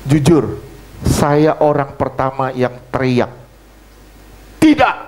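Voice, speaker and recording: A middle-aged man delivers a sermon in a notably high voice. He leans on repetition, saying the same phrase again and again to drive a point home. Between the exhortations he talks to the congregation plainly, as if sharing a personal story. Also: moderate pace, poor audio. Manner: emphatic preaching with heavy repetition of phrases; conversational, personal testimony told to the congregation. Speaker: pastor.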